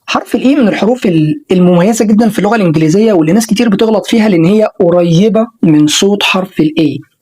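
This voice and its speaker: A woman with an Egyptian Arabic accent leads an online English pronunciation lesson at a mid-range pitch. She stretches out each model word and repeats it so listeners can say it after her. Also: warm tone, slightly rough, rough recording. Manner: models sounds slowly and repeats words for learners to copy.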